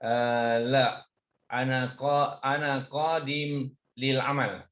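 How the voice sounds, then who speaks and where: A man practicing Arabic in an online class, halting and asking questions. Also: medium pitch, fairly even intonation, a bit bright, muffled recording. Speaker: student. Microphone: video call.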